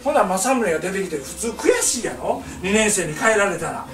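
An older man, a painter, tells a comic family story to a small audience in a Kansai Japanese accent, acting out the voices and laughing through his lines. His voice sits high and is expressive and brisk, with a fairly bright tone. He's far from the mic in a reverberant space, with faint music in the background.

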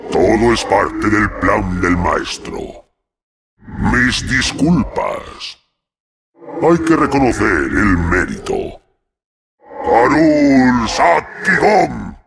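Mal'Ganis, a gravelly Castilian demon lord. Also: male voice, on the low side, sing-song, background noise, full character voice. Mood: haughty. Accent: Castilian Spanish. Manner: grandiose, theatrical, slow and commanding. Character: arrogant, menacing male demon lord, eternal and scornful. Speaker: voice actor for a game hero. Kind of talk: theatrical game character lines.

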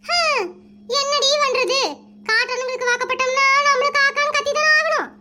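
A woman voicing a sharp-tongued, gossiping village wife in a comedy cartoon. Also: extremely high pitch, fairly even intonation, brisk, exaggerated voice. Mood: gossipy. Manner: chatty, teasing, scolding.

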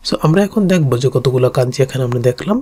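A teacher with a Bangladeshi Bengali accent leads a kanji lesson, saying each reading twice and walking through the strokes. The voice is dark and mellow at a middling pitch. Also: animated. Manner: repeats each reading slowly, explains stroke by stroke.

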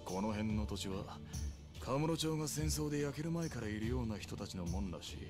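Man playing cocky young enforcer, video game drama, rough yakuza slang, sardonic, music behind. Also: fairly low pitch, expressive, a little fast, close to an everyday voice. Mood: cocky, dismissive. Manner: rough yakuza-style street speech, casually insolent. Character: cocky, sardonic real estate enforcer, streetwise tough man.

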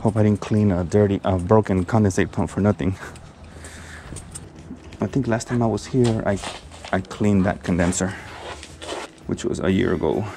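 A man working as an HVAC technician, explaining his maintenance steps in a relaxed way with plenty of fillers, a little out of breath from his mask. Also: deep voice, moderate pace, pauses often, background noise. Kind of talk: casual how-to narration while working. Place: house basement and yard, on a service call.

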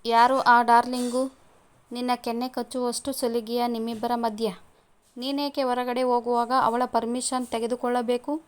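A woman's voice: fairly high pitch, little pitch movement, normal speed, lightly acted. A woman reading a jealous young woman in love. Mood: indignant.

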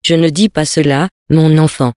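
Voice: medium pitch, moderate pace, darkish tone, dry recording, clean studio sound, close to an everyday voice. A reader voicing a flustered, pious elderly country priest who stammers in alarm, in a storybook reading.

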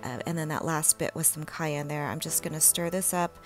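A young woman talking through her home cooking in a relaxed, chatty voice-over, with frequent ums and little laughs. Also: low voice, a little fast, soft background music. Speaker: home cook vlogger. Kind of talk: casual cook-along voice-over.

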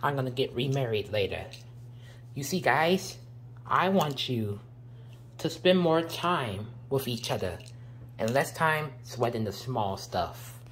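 A woman voicing a tired, put-upon husband who sighs and lectures in a slow, low voice. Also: lively intonation, slight background noise, exaggerated voice. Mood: preachy. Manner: low, drawn-out, sighing. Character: weary put-upon husband, sighing and preachy.

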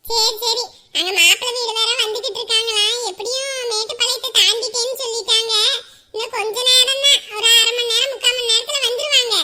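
An actress playing a chatty, hospitable village auntie, who talks with a laugh. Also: female voice, very high-pitched, fairly even intonation, fairly quick, sharp tone, heavily acted. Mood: chatty, fond. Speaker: neighbour auntie.

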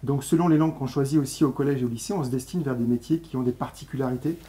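Seated at a table on a TV studio set, a deputy school director in his thirties answers interview questions in an explanatory way, hesitating frequently. His voice is medium-pitched and dark, and he talks rapid-fire.

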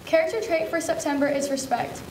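High-voiced teen girl anchor. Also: fairly quick, a little mellow, reverberant, slight background noise. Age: teens. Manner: reads announcements steadily. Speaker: student news anchor. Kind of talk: scripted school announcements. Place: school TV studio.

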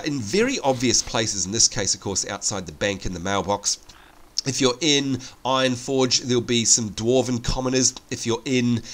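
A man's voice: medium pitch, a bit bright. An Australian man with hay fever congestion, sounding nasal as if his nose is pinched, chattily explaining things to viewers in casual gameplay commentary. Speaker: let's play video host.

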